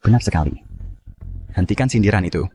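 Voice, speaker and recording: Smug arrogant designer guy, deep voice, loud music behind, man dubbing. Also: lively intonation, fast, close to an everyday voice. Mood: scornful. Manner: smug, scornful. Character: arrogant boastful male ship designer. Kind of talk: dubbed drama acting.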